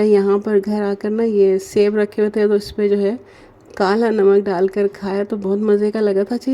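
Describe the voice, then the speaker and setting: A woman, narrating her daily routine vlog slowly and gently because of a sore throat. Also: mid-range voice. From Pakistan. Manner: slow, gentle and chatty, with many fillers. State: sore throat, speaking softly. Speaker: vlogger. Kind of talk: casual voice-over narration.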